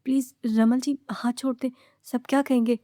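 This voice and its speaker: A nervous young male teacher who hesitates and stammers, always polite, as a woman narrator voices him. The delivery is soft and mellow and stays dry and close. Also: on the high side, little pitch movement, normal speed, dry recording, lightly acted. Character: shy, timid young male lecturer.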